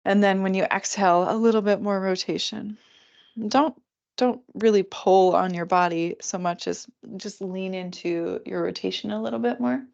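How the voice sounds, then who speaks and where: Gravelly-voiced woman guiding yoga. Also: mid-range voice, normal speed, dull audio. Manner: calm counting cues, relaxed and chatty. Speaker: yoga teacher. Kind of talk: guided restorative yoga class.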